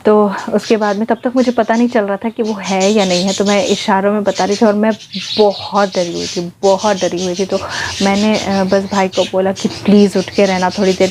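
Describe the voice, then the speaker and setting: A woman vlogger casually recounting her own ghost experience, speaking very softly and mixing in English words. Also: mid-range voice, background noise. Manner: speaks very softly, near a hush; mixes in English words, frequent fillers like okay. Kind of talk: casual first-person storytelling.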